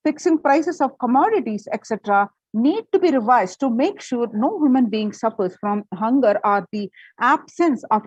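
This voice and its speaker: A woman reads a prepared text aloud as a presenter, her somewhat high voice moving up and down a lot. The voice is a little husky, and she trips now and then into fillers and restarts. The recording is dry and a bit dull. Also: darkish tone, no room sound. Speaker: presenter reading an article.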